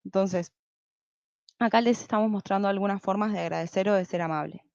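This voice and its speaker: A woman's voice: medium pitch, steady tone, fairly quick, a little mellow, no room sound, dull audio. A woman teaching a beginner English lesson over slides, patiently explaining step by step and checking in with "¿sí?".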